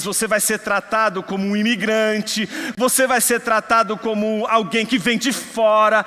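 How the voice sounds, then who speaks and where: A young man from Brazil preaching a sermon, moving between quiet storytelling and loud, emphatic passages. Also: high-pitched. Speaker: pastor. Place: church hall. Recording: long hall reverb.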